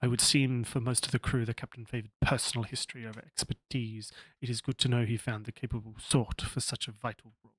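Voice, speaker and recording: A man's voice: mid-range voice, level tone, fast, slightly rough, no echo, natural voice. A man with an Australian accent voicing a stern, formal male science officer in a video game, speaking in a clipped and officious way.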